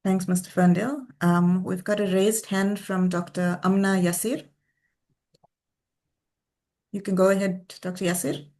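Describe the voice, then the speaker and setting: Mellow-voiced woman moderating a webinar. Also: mid-range voice, level tone, unhurried, long pauses. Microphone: video call.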